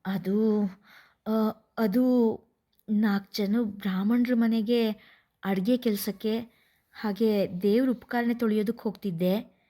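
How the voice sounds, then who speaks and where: A woman voicing a meek middle-aged mother who speaks haltingly and pleads. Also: medium pitch, steady tone, warm tone. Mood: hesitant.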